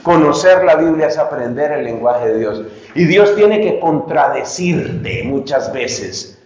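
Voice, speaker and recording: A man preaching at a retreat, in a fairly high voice and at an unhurried, deliberate pace. He repeats his points and acts out examples. The sound is echoey and a bit dull and lo-fi. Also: animated, darkish tone. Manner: slow and deliberate, repeats phrases, acts out pronunciations. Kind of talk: retreat teaching talk. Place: retreat meeting room.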